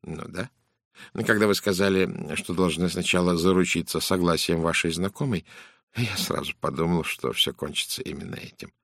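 A man voicing a calm, precise, gently ironic detective in an audiobook, speaking quietly and in measured phrases. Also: low voice, vocal fry, dry recording, clean studio sound, full character voice. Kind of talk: audiobook character voice.

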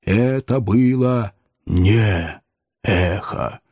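A man voicing a stern old goblin of the churchyard, speaking slowly and low in an audiobook reading. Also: darkish tone, slightly rough, no echo, clean studio sound, heavily acted.

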